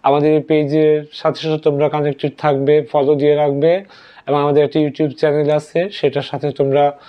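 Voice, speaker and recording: A man teaching an English vocabulary lesson, spelling words out letter by letter and repeating them slowly. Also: fairly high pitch, level tone. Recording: dull lo-fi audio.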